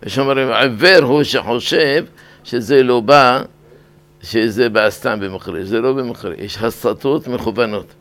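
An older man, a rabbi, giving a weekly sermon on scripture and law, talking deliberately and repeating words for emphasis. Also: medium pitch, a bit bright.

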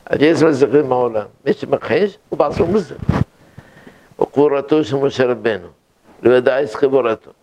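A man giving a religious lecture full of stories, repeating words for emphasis with animated bursts. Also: mid-range voice. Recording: dull lo-fi recording.

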